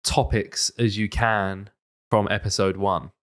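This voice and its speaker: A British man with a fairly low voice is running a casual podcast quiz. He talks to his friends in an informal, bantering way as he sets questions and gives out points. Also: steady tone, unhurried.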